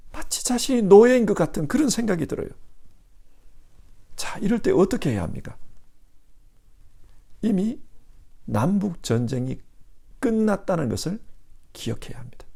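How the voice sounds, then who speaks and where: A man's voice: a little high, vocal fry, warm tone, husky. A male pastor preaching a sermon in a church, asking the congregation emphatic rhetorical questions. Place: church sanctuary.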